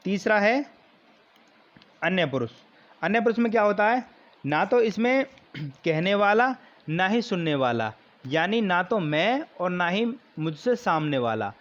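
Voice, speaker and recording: A man teaching a grammar lesson for exam preparation, explaining slowly and repeating key terms. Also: high voice, big pitch swings, fairly bright tone, dull audio.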